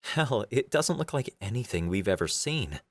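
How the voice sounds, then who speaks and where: A man voicing a sharp, brisk female starship captain in an audiobook story. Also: medium pitch, big pitch swings, no echo, voice pushed up. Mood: tense.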